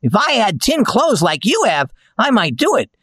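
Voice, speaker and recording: A man's voice: sits high, wildly swooping pitch, normal speed, a bit bright, breathy edge, no echo, studio quality, pitched above the performer's own voice, full character voice. A man voicing a friendly, talkative male farm dog in a storybook reading, with an earnest, chatty manner.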